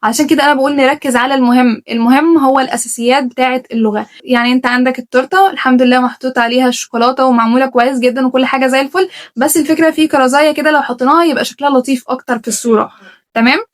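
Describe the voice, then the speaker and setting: A woman's voice: high voice, fairly even intonation, very fast. A woman with an Egyptian Arabic accent, talking to her channel about learning languages in a blunt, emphatic way, full of rhetorical questions. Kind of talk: opinionated vlog talk to camera.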